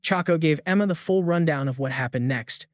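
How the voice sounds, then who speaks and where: A man's voice: fairly high pitch, a little fast, no echo, studio quality. A man narrating a comic story recap in a slangy, jokey scripted manner.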